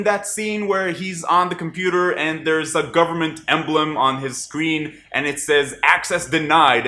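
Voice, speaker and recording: A man chatting through a casual TV review vlog in a wry, animated way. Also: fairly high pitch, echoey room. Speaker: TV review vlogger.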